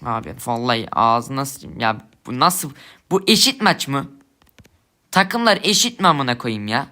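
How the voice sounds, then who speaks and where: A man's voice: mid-range voice, sing-song, unhurried, pushed and bright. A young man giving angry gameplay commentary, swearing and ranting at his teammates in frustration. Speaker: gamer streamer.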